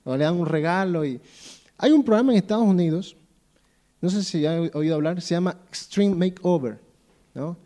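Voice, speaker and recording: A pastor with a high, mellow voice preaches to his congregation in a church. He talks to listeners directly and repeats key phrases. His stories come out loose and chatty, full of restarts. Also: lively intonation, moderate pace. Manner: storytelling with many fillers and restarts. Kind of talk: conversational sermon.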